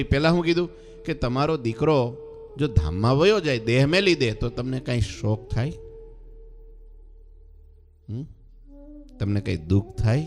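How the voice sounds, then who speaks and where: A swami preacher with a fairly low-pitched voice tells a devotional story as a sermon, frequently putting rhetorical questions to his listeners.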